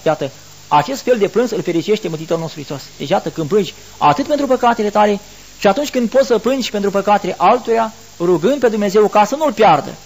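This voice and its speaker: A man's voice: high voice, breathy edge. A middle-aged man preaching a sermon to the faithful in an earnest, explanatory way, asking rhetorical questions and answering them.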